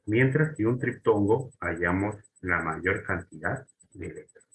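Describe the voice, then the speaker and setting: A man's voice: lowish voice, lively intonation, measured pace, a bit bright, a little hiss or hum, poor audio. A man teaching a grammar lesson, often restarting and checking in with short questions.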